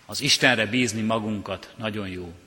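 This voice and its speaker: Male pastor, sermon, steady repeating cadence, bright tone, long church reverb. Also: lowish voice. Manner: measured, repetitive preaching cadence.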